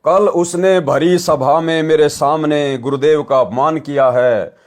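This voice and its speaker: A man's voice: a little high, slow pace. A man voicing an angry brahmin sage. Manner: scolding, accusing.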